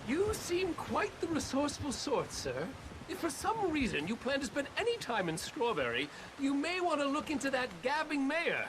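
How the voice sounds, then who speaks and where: A woman's voice: sits high, huge pitch swings, moderate pace, background noise. An actress playing a stranded, haughty and chatty lady from New York City in an Old West video game, theatrical, genteel and wordy. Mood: grateful, confiding. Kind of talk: video game period drama acting.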